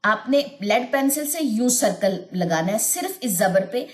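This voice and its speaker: Female tajweed teacher, higher voice, patient explainer who chants verses, roomy sound. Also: lively intonation. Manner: patient, repeats points, chants verses in a slow melodic recitation. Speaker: Quran recitation teacher. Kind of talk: tajweed lesson with chanted recitation.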